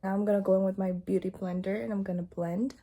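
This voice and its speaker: A young woman chatting casually through a makeup tutorial at home, talking softly and sometimes in a whisper, with a groggy morning voice. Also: mid-range voice, level tone, fast talker. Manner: soft, hushed talk, sometimes slipping into a whisper. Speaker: beauty vlogger. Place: home, indoors. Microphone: phone front camera.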